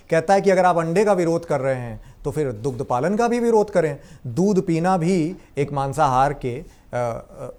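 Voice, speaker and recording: A man's voice: fairly high pitch, darkish tone. A man hosting a news interview, putting questions politely and deferentially, with frequent hesitant fillers. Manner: deferential, many "hmm" and "ji" acknowledgements, some hesitation. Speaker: interviewer, host.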